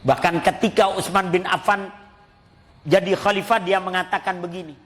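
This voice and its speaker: A male preacher delivers a storytelling sermon and acts out the voices of his characters. His voice sits fairly high for a man. It rings with the long reverb of a mosque hall. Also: fairly even intonation, normal speed, a bit bright. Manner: storytelling, acts out quoted voices, addresses listeners as Pak.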